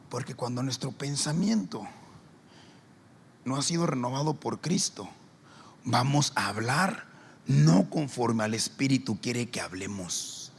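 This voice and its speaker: A man's voice: mid-range voice, gravelly, slight background noise. A male pastor, preaching a sermon and acting out the characters in his stories. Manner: storytelling, acting out every character in turn.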